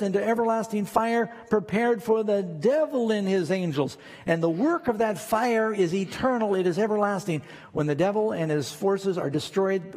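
A man's voice: high-pitched, a little mellow, slightly rough, in a large hall. A man preaching a sermon as a pastor, telling stories and rising into emphatic questions.

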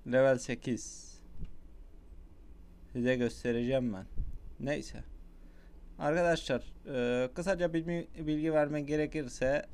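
A young man giving casual gameplay commentary, chatting with viewers and shouting at the game when it gets tense. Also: mid-range voice, slow pace, pauses often. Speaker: gaming YouTuber.

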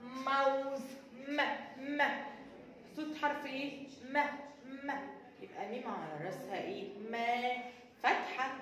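A high-voiced woman with an Egyptian accent teaches a kindergarten lesson, asking her questions and then answering them in a sing-song way. The recording is very echoey and catches her from a distance. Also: unhurried, a bit bright. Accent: Egyptian Arabic.

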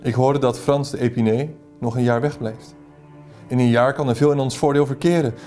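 A devoted young man pleading his love, read by a man from a novel. The speech is earnest and passionate, delivered in a dark, mellow voice at an ordinary middle pitch. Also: steady tone, moderate pace, faint music behind, lightly acted. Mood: ardent.

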